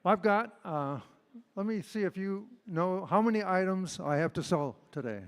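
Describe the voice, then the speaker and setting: A man's voice: high voice, lively intonation, moderate pace, clean tone. An American man in his seventies speaking informally on stage, joking and chatty as he presents to an audience. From Illinois, United States. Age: 70s. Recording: echoey large hall PA.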